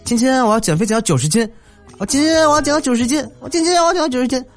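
A man's voice: extremely high pitch, expressive, rapid-fire, faint music behind, pitched above the performer's own voice. A man voicing a plump, food-loving young woman friend with a whiny, wheedling voice.

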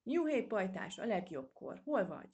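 A woman's voice: on the low side, expressive, a little mellow, breathy edge. A woman voicing a spirited young male mouse adventurer who gives orders eagerly and impatiently.

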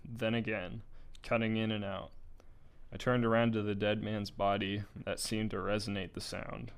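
Smooth-voiced young man reading a story. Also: fairly low pitch, level tone, moderate pace. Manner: casual, with slips, laughs and asides.

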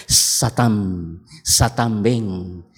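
A preacher putting on a demon's guttural plea. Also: male voice, on the low side, very slow, breathy edge, voice pushed down, exaggerated voice. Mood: pleading. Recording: long church hall reverb.

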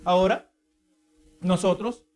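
A man's voice: high-pitched, steady tone, takes it slowly, darkish tone. A man preaching a sermon in a teaching tone, asking the congregation rhetorical questions.

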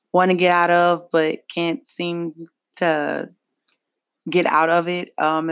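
A woman with an American accent and a raspy, deep, soulful voice, talking in a sultry, unhurried way as a guest in a casual podcast interview. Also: dry recording. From Michigan, United States. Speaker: podcast guest, neo soul R&B singer.

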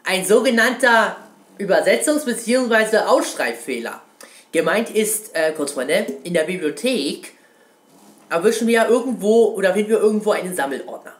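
A man's voice: high-pitched, expressive, normal speed. Rambling man in a roomy echo. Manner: rambling, keeps calling viewers "Kunstfreunde", swears casually. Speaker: gaming video host. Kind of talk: casual video reply on a video game.

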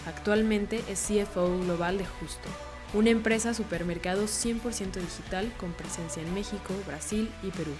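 A woman's voice: medium pitch, moderate pace. A woman reading a polished, scripted introduction to an interview show. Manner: polished promo delivery. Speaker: show announcer. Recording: music bed behind the voice. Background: music.

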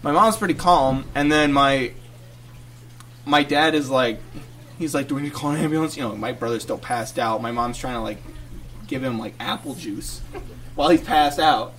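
A man's voice: medium pitch, normal speed, long pauses, far from the mic. A man co-hosting a podcast, telling a story casually and laughing through it. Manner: animated, laughs through his own story. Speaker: podcast co-host.

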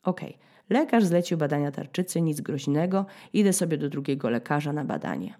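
A woman in her thirties from Poland hosting a podcast, telling a story in a dramatic, ironic way, with sudden high-pitched bursts as she acts out scenes. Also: lively intonation, fairly quick, mellow. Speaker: podcast host. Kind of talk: storytelling monologue.

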